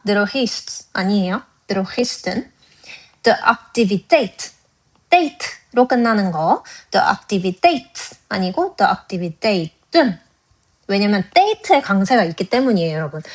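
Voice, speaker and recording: Slow, patient woman teaching grammar. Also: on the high side. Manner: slow, drawn-out pronunciation of example words; explanatory, addresses viewers directly. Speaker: language teacher. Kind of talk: grammar lesson.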